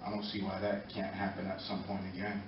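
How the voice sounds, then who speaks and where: A middle-aged American man giving earnest, halting, impromptu testimony at a public meeting, pausing between short phrases. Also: low-pitched, monotone. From Norwalk, Connecticut, United States. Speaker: former boxer speaking in support of a youth program. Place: indoor meeting room, far from the mic. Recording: echoey, muffled, distant, noisy room recording.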